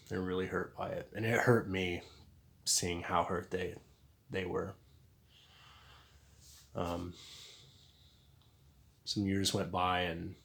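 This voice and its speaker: A man telling a personal story in a casual, halting way, earnest and confessional, with lots of fillers and restarts. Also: deep voice, a bit bright.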